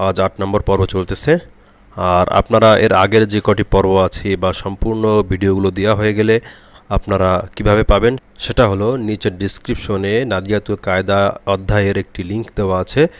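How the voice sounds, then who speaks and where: A man teaching a Quran reading lesson, speaking slowly and repeating each letter drill aloud. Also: fairly low pitch, no echo. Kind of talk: spoken lesson to camera.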